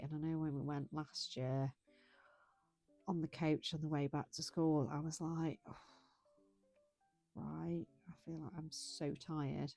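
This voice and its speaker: A woman's voice: deep voice, mellow, no echo. A tired, yawning British woman hosting a colouring livestream, rambling chattily and correcting herself as she goes. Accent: British English. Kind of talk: casual chat while colouring.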